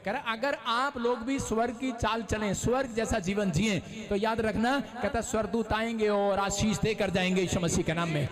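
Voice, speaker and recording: Male revival preacher, very high shouting voice, live crowd. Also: moderate pace, hardly any pauses. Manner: shouting, call-and-response, animated storytelling. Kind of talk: revival sermon. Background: congregation noise.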